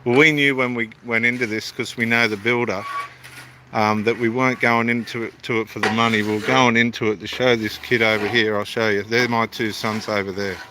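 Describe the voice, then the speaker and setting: Against a noisy background, this middle-aged Australian evangelist talks at medium pitch, steady and fairly quick. His casual talk to camera at the waterside building site wanders in a homely, self-deprecating way.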